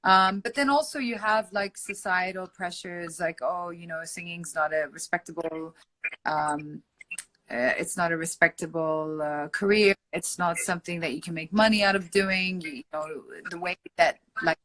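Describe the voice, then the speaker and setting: A woman's voice: fairly low pitch, fairly even intonation, moderate pace, fairly bright tone, rough recording. A woman from Iran, a singer, chatting as an interview guest over an online video call, effusive and affectionate, with lots of "like" and "um". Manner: effusive and affectionate, with many "like" and "um" fillers. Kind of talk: casual interview chat.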